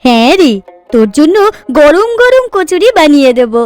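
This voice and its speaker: A woman gives a very animated, high-voiced performance at normal speed, her tone a little dark. She plays a doting village woman in a fairy-tale cartoon who fusses and coaxes with affection. It's Bengali cartoon voice work, and music plays behind her.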